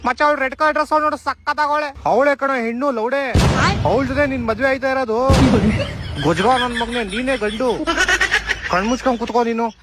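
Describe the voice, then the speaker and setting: A man voicing a cast of bickering adult male cartoon characters in quick, rowdy, slangy comic back-and-forth. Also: extremely high pitch. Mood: teasing. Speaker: voice actor for all cartoon characters. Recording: loud background noise.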